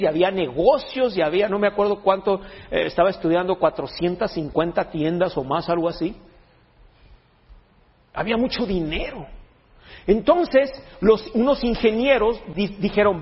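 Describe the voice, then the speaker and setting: A man's voice: high voice, breathy edge. A man preaching a sermon in a jokey, conversational way, often restarting his sentences. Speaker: pastor. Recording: long hall echo, dull lo-fi sound.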